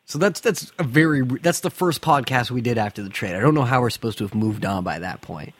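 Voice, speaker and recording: A man's voice: mid-range voice, lively intonation, quick pace, breathy edge, dry recording. A man hosting a casual sports podcast from an attic, speaking bluntly and profanely with strong opinions. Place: attic of a house, recording in summer heat.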